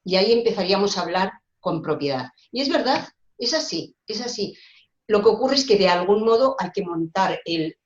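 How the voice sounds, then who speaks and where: Earnest woman, roomy lo-fi call. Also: on the low side. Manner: earnest, searching for words, many restarts. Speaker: guest speaker. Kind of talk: discussion talk on social rights. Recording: roomy, dull lo-fi call audio.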